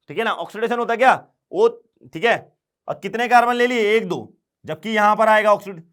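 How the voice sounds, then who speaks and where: A man teaching chemistry exam problems, urging students along with quick repeated questions and answers. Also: high voice, fairly bright tone. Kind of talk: exam problem-solving lesson.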